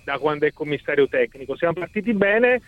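A man's voice: fairly high pitch, lively intonation, fairly quick, no room sound. Man on a muffled car speakerphone. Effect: speakerphone call from a car. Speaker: sports correspondent phoning in. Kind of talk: on-site report by phone. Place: moving car. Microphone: phone on speaker. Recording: muffled phone line, dry.

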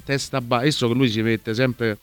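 A man's voice: medium pitch, steady tone, moderate pace, smooth, soft background music. A man talking football on a studio show, animatedly retelling plays with little sound effects. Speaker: football pundit on a talk show. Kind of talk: casual football debate.

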